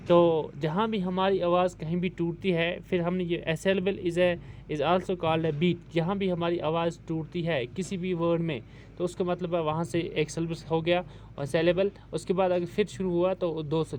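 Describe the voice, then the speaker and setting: A man's voice: a little high, a little mellow, a little hiss or hum. A male English teacher giving a recorded lesson to schoolchildren, patiently repeating each word several times and stretching it out. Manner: patient, addresses pupils as dear children. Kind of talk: recorded online classroom lesson.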